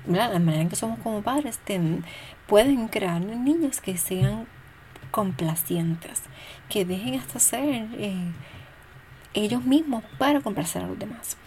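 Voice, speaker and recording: A woman's voice: medium pitch, darkish tone, slight background noise. A woman speaking casually as a parenting educator, talking things through with fillers and acting out quoted voices. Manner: conversational, thinks aloud with fillers. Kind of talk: casual spoken talk on parenting.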